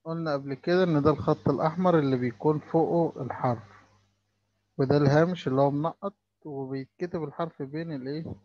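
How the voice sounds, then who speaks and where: A man's voice: a little high, steady tone, fast, lo-fi sound. A man with an Egyptian Arabic accent teaching a lesson for young children, stretching out each sound as he spells words.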